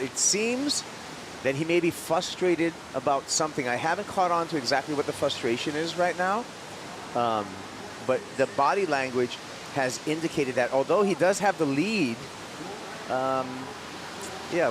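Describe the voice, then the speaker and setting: A man commentating live on a surf contest in a laid-back, measured announcer manner. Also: fairly high pitch. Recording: steady hiss and outdoor rushing noise.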